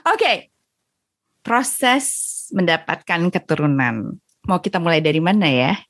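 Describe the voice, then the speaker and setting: Female podcast host, lower voice, measured scripted intro. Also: sing-song, a bit bright, no echo, clean studio sound.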